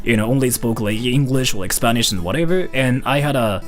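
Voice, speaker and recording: Streaming live from Japan, a man reads donations during a Q&A and thanks the donors, rambling and leaning heavily on "like" as a filler. He speaks briskly at a medium pitch, with faint music behind him.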